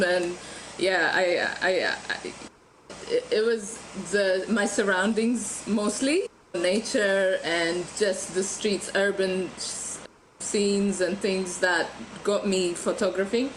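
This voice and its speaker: A woman's voice: mid-range voice, slight background noise, poor audio. Chatty woman from Ethiopia, laughing easily. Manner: warm, chatty, laughs easily, frequent restarts. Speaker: guest photographer. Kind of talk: casual podcast interview.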